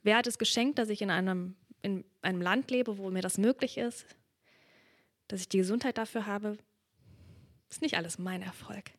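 A woman's voice: medium pitch, normal speed, no room sound, studio quality. A woman preaching a sermon in a reflective, earnest way, reading from the Bible. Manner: earnest, reflective, drops to a whisper at moments.

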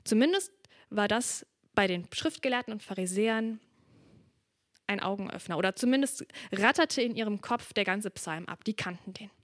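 A woman's voice: mid-range voice, expressive, normal speed, no room sound, clean studio sound. A woman preaching a sermon in a reflective, earnest way, reading from the Bible. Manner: earnest, reflective, drops to a whisper at moments.

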